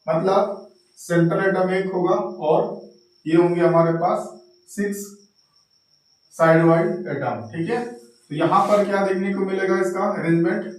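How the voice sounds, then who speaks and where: A man teaching chemistry at a blackboard, explaining step by step and repeating filler phrases as he draws. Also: fairly high pitch. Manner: repetitive, fills pauses with "ठीक है" and "जो है"; explains step by step while drawing on the board. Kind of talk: blackboard lecture. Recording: very echoey classroom, voice from far off.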